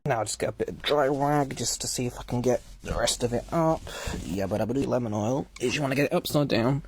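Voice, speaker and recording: A man's voice: mid-range voice, fast, husky. Jokey man explaining guitar work. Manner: jokey, playful, swears offhandedly. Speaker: guitar repair vlogger. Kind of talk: casual tutorial narration.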